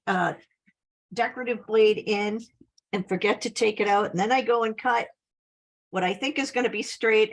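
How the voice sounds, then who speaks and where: A woman giving a casual, chatty scrapbooking tutorial, upbeat and full of little laughs. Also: a little high. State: slight cough. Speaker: scrapbooking instructor.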